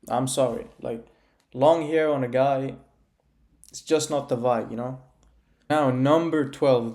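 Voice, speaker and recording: A man's voice: medium pitch, mellow. A young man from Iraq giving frank, casual commentary as he ranks men's hairstyles, with lots of "like" and "you know". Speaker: men's grooming YouTuber. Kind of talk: casual tier-list commentary.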